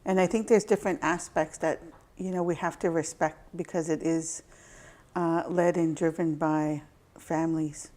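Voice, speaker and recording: A woman as an interview guest, answering gently and thoughtfully, pausing to find her words. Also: deep voice, steady tone.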